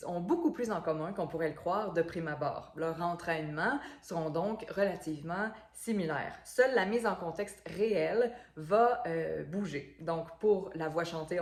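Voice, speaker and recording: A woman's voice: fairly low pitch, a little mellow. Woman, voice coach, teaching video, roomy echo. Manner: explanatory, many fillers and repeated words. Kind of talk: instructional video talk.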